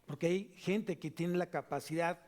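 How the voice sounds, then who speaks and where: Man, Mexican Spanish accent, pastor's sermon, high voice, emphatic, repeats key phrases. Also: normal speed. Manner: emphatic, repeats key phrases, shifts between loud and soft. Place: church sanctuary.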